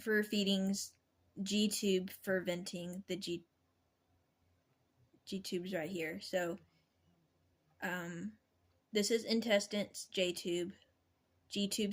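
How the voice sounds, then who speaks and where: A young adult woman talking casually to her vlog viewers, halting and pausing often mid-sentence. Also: mid-range voice. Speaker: vlogger.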